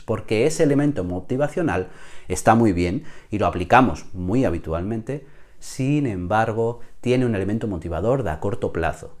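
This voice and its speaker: Hoarse consultant man, lowish voice. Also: darkish tone. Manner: checks in with the viewer often. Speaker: business consultant. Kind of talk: explanatory business talk to camera.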